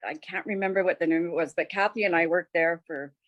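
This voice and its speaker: A woman's voice: fairly low pitch, brisk, no echo, lo-fi sound. An older woman from Montreal, chatting casually as an interview guest, rambling with restarts and frequent laughs. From Montreal, Canada. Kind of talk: casual conversation.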